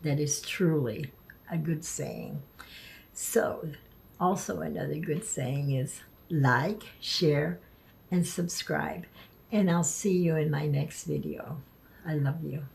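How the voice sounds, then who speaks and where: A woman vlogging casually, speaking haltingly and stumbling over words, with the lisping, slurred sound of missing front teeth. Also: low-pitched, vocal fry, darkish tone. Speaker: video creator. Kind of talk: casual spoken vlog, partly reading aloud.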